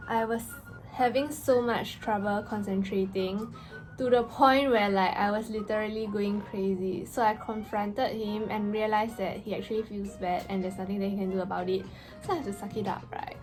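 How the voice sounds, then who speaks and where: A young woman telling a story in a casual vlog rant, with an animated, exasperated, slangy delivery and emphatic stresses. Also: medium pitch, normal speed, poor audio. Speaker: vlogger. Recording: music playing behind the voice. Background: background music.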